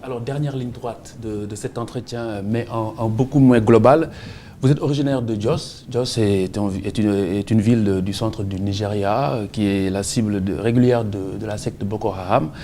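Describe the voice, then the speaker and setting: A man interviewing a guest on television, asking long questions in a halting way. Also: on the low side, steady tone, mellow, a little hiss or hum. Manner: hesitant, halting questions with fillers and restarts.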